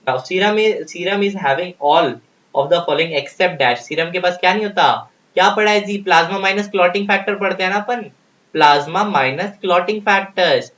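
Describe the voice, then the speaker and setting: A man's voice: sits high, a bit bright. A man teaching biology, walking through exam questions in a mix of Hindi and English and quizzing students with repeated questions. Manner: reads questions slowly, mixing Hindi and English. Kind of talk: exam solution walkthrough. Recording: dull lo-fi sound.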